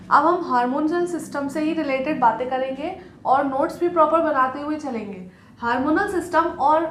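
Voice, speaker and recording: A woman teaching a science lesson, who explains step by step, asks her own questions and answers them, and reads notes slowly. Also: high voice, roomy sound, a little hiss or hum. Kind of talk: recorded classroom lecture.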